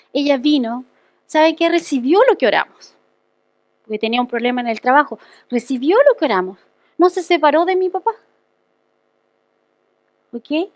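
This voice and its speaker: A woman's voice: extremely high pitch, dry recording. A woman pastor giving a conversational testimony sermon, telling a personal story and often checking in with the congregation.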